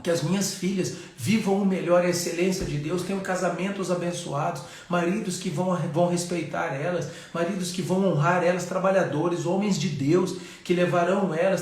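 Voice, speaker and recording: A man's voice: sits high, steady tone, a little fast, few pauses. A Brazilian Portuguese-accented man preaching a sermon as a pastor, earnest and repeating his phrases. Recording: very echoey room.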